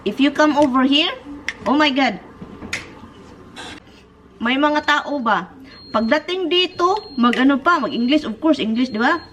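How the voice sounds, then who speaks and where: A woman's voice: high voice, lively intonation, a little slow, pauses often, fairly bright tone, slight background noise. A middle-aged woman from the Philippines with a Visayan accent, chatting casually and giggling as she vlogs at home. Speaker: vlogger. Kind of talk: casual chat to camera.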